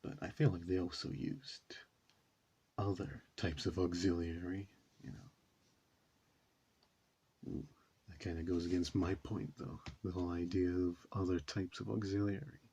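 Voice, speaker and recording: Husky deep guy reacting to a video, chill and rambly, lots of you knows. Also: level tone, unhurried, pauses often, warm tone. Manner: rambling, says you know a lot. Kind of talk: casual reaction commentary.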